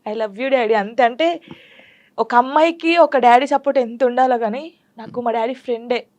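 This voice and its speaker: A woman's voice: a little high, a little mellow. A young adult woman talking candidly and emotionally as a guest in a casual interview. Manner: candid, emotional, quick storytelling.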